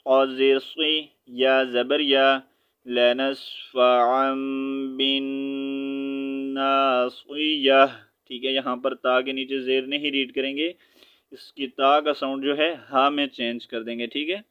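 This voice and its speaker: A man with a Pakistani Urdu accent teaches Quran recitation, spelling out syllables and drawing out the recited words. His voice is smooth and resonant and stays on a flat, even pitch. The recording sounds a little dull. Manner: patient teacher, quick asides, slow drawn-out recitation.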